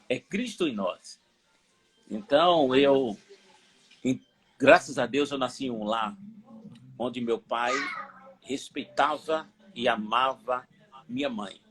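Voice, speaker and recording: Lively middle-aged pastor. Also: male voice, medium pitch, slightly rough. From Aracaju, Brazil. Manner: animated storytelling, emphatic repetition. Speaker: pastor, guest. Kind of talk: personal testimony in a live interview.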